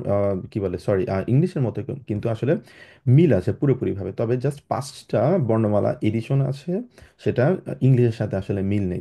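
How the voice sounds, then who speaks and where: A young man whose first language is Bengali, teaching German on a video call. He talks hesitantly with many fillers and restarts, and spells out letters slowly. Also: on the low side, mellow, slightly rough. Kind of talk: online class lecture. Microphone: computer mic on a video call.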